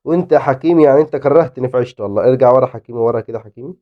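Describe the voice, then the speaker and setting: A man with an Egyptian Arabic accent, giving excitable live commentary on his own football game as a gaming YouTuber. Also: medium pitch, very fast, muffled recording. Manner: excitable, exclaiming and pleading at the game.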